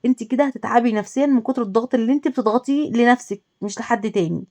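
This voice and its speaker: Rapid-talking Egyptian woman vlogger. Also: fairly high pitch, a little mellow. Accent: Egyptian Arabic. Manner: talks directly to the listener, listing and repeating points. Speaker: home lifestyle vlogger. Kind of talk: casual advice chat to women viewers.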